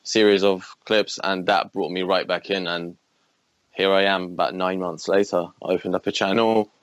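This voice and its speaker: A young man from Iran speaks as a podcast guest, his voice set somewhat low. He goes haltingly, stopping to restart his sentences. The sound is dry and close, with no room around it. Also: steady tone, no room sound. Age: 20s. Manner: hesitant, with frequent ums and restarts. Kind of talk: casual interview talk.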